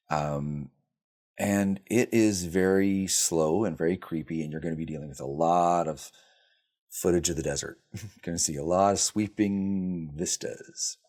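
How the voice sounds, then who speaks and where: Low-voiced man giving blunt movie reviews. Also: a little mellow. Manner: blunt, sarcastic, with frequent fillers and restarts. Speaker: film reviewer. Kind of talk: casual spoken movie reviews.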